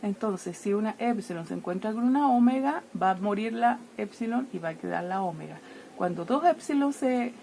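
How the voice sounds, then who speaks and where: A woman teacher explaining grammar to her students, checking in constantly with a quick "¿ya?" and playfully treating letters as if they fight and die. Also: mid-range voice, lively intonation, vocal fry, mellow, slight background noise. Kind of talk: explaining Greek grammar lesson.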